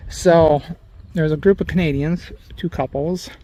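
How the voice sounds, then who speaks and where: A man's voice: a little high, fairly even intonation, a little slow. A man casually narrating a bike tour outdoors, chatty and rambling. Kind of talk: casual on-the-go commentary. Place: outdoors on a windy riverside bike route. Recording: loud wind and outdoor noise.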